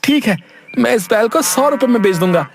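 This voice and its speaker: A voice actor playing a foolish, dim-witted village husband in a cartoon, whiny and silly, often crying out. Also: male voice, extremely high pitch, lively intonation, a little fast, gravelly, heavily acted. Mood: boastful. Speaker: comic lead. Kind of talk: cartoon voice acting. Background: background music.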